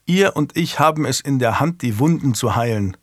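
A man's voice: mid-range voice, animated, normal speed, no echo, natural voice. A man voicing a young male king who is earnest and commanding and presses his questions in a dry studio recording.

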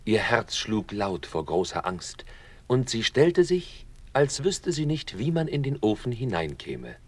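Male storyteller, lowish voice, animated fairy-tale narration. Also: measured pace, breathy edge. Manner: lively storyteller, acting out quotes.

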